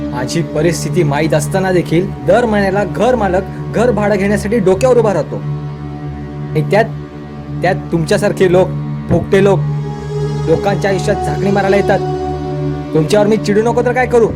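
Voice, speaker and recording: A man's voice: sits high, lightly acted. A young man playing a bitter, furious orphan. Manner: resentful, lashing out, repeats phrases. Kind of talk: amateur short-film acting. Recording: loud music behind voice.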